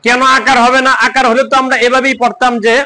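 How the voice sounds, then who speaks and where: High bright teacher drilling a class. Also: male voice, flat delivery, fast talker, a little hiss or hum, low-quality recording. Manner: drills students with repeated questions and chanted answers. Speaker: Quran reading teacher. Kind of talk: call-and-response lesson.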